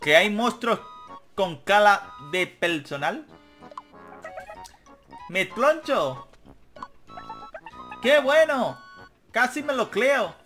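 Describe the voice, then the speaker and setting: Speaking very slowly with frequent pauses, a young man with a high-pitched, pushed, bright voice and lively intonation does joking let's-play commentary. The gaming YouTuber reads game text aloud and swears casually, with faint game music in the background.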